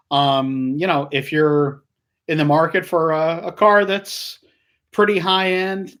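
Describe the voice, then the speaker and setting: A man hosting a casual live stream, chatting in a rambling way and greeting viewers by name as he goes. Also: a little high.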